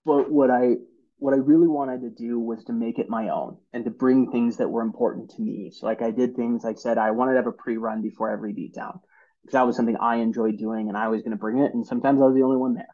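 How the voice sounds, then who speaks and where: A man in his thirties, a podcast guest, telling stories in an earnest, halting way with many fillers and restarts. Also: medium pitch, fairly even intonation, muffled recording. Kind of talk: casual storytelling interview.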